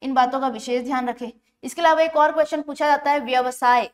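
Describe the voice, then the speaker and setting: A woman with a high, steady voice teaches an exam-prep grammar lesson, explaining step by step and often checking in with the class. She slows down to spell words out syllable by syllable.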